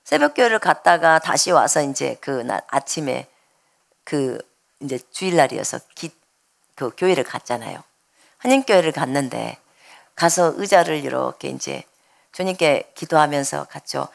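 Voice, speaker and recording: A woman's voice: sits low, animated, moderate pace, gravelly. A woman from preaching a sermon at a church service, telling a personal testimony and speaking directly to the congregation. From Jeolla, South Korea. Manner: storytelling, addresses the congregation directly.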